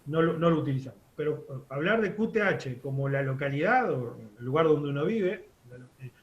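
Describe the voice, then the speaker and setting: A man's voice: a little high, animated, a little fast, echoey room, dull audio. A man teaching a radio course, explaining step by step with many fillers and restarts. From Uruguay. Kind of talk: online class lecture.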